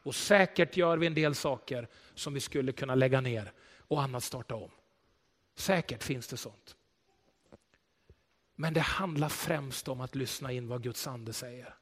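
A man preaching a sermon in a church, telling stories with animation, swelling loud for emphasis and then dropping quiet. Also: medium pitch, long reverb tail. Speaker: pastor.

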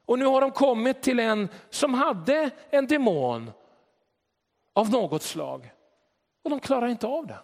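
A man's voice: very high voice, very animated. A man preaching a sermon, retelling a story and asking reflective, rhetorical questions. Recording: long hall reverb.

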